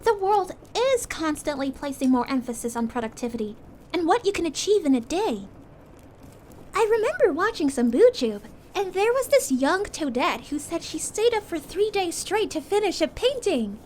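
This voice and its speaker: A woman voicing a sweet, caring young princess in a calming roleplay, speaking to a friend in a gentle, reassuring, chatty way. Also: very high-pitched, moderate pace, slight background noise. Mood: playful chatty. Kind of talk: calming ASMR audio roleplay.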